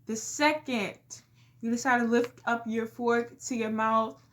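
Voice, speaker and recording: Slow-talking young woman vlogger. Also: on the high side, fairly even intonation, fairly bright tone. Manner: emphatic, addresses viewers directly. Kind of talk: casual comedic vlog.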